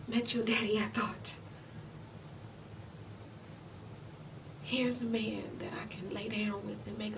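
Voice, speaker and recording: Woman performing weary middle-aged mother, stage monologue, emotional, unhurried heavy pauses, recorded far from the mic, rumbly background noise. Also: natural voice. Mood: wistful, hushed. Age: 40s. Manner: deliberate, heavy pauses, swinging from near-whisper to tearful outcry. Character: weary, proud middle-aged mother and widow, wounded but loving. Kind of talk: emotional stage monologue, self-taped audition. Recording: distant mic, noticeable low rumbling noise.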